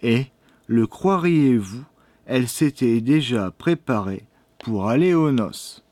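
Guy reading a kids' fairy tale, slow and lively up and down, dry close mic. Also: medium pitch, no echo. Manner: expressive, measured storytelling. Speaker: narrator. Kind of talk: children's storybook narration.

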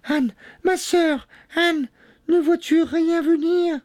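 A man's voice: steady tone, slow, a little mellow, no room sound. A man doing a frightened young wife. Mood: pleading. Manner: high falsetto, pleading and tearful. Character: young, frightened, pleading noblewoman. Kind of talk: storybook reading. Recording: dry studio sound.

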